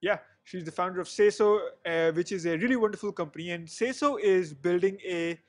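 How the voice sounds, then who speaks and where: This high-pitched young man talks a little fast as he hosts a podcast, chatting casually with a guest over a video call. He uses a headset microphone in a small room at home, English is not his first language, and "you know" fillers pepper his speech.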